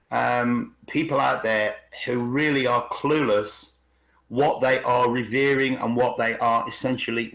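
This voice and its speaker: A video channel host with a mid-range, fairly bright voice gives informal commentary during a presentation on a video call. He keeps posing rhetorical questions and repeating phrases for emphasis, and the call audio has an echo.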